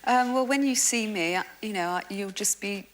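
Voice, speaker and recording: A woman's voice: mid-range voice, moderate pace, fairly bright tone, a little hiss or hum. Flirty female dating contestant. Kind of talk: scripted witty answers.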